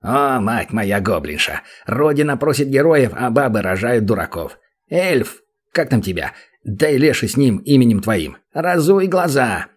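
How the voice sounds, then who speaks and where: A man's voice: mid-range voice, sing-song, a little slow, husky. A man voicing a small, rude male goblin guild master who whines and pleads, in an audiobook. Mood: whiny, pleading.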